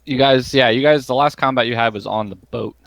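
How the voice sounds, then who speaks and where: A man's voice: medium pitch, brisk, vocal fry, noisy background. A man running a tabletop game as game master, talking in a loose, rambling way full of fillers.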